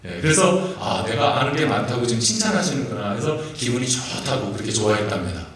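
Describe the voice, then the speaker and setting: A man's voice: mid-range voice, animated, fairly quick, a bit bright. A male pastor giving a playful sermon, joking and asking his congregation questions. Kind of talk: sermon with jokes and congregation interaction. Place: church sanctuary. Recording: echoey church hall, mic at a distance.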